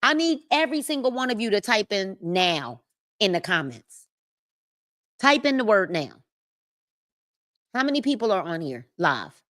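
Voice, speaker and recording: A woman, hosting a live book club and reading aloud with preachy, drawn-out emphasis and asides to her viewers. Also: mid-range voice, very animated, a bit bright, no echo, studio quality. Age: 50s. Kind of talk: live-stream book reading and motivational talk.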